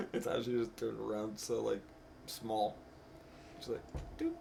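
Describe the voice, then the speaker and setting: A man streaming games, retelling the story in an animated, laughing way and acting out characters. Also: lowish voice, slow, vocal fry, a little hiss or hum. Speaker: streamer, co-host. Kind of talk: casual gaming stream chat.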